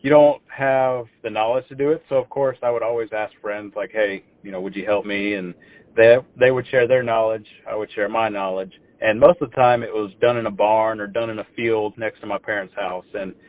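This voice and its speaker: Heard on dull lo-fi audio, a Texan man in his twenties speaks a little fast in a lowish voice with fairly even intonation. He's a podcast guest telling his story casually and ramblingly, repeating words as he starts phrases.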